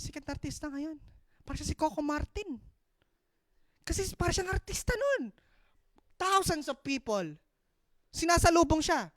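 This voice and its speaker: A Filipino woman preaching a sermon, mixing in English, calling out "Amen" and swinging from loud exclaiming to hushed storytelling. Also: high-pitched, no echo, clean studio sound. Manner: mixes English into her preaching, calls out "Amen".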